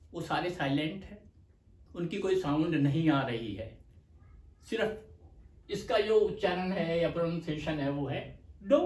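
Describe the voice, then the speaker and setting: Male shorthand tutor, patient and slow, in an echoey room. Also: sits high. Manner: patient, repeats words slowly for dictation. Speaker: shorthand teacher. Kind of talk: slow explanatory lecture. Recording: echoey room, mic far off.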